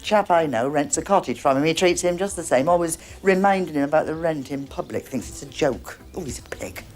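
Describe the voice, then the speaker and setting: An actress playing a blunt local cleaner, scornful and gossipy. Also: female voice, sits low, lively intonation, fairly quick. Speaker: office cleaner.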